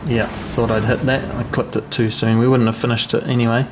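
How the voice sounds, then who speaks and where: A man with a New Zealand accent commentating his own sim racing live, chatty and relaxed, answering chat. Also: mid-range voice, fairly quick, background noise. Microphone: gaming headset.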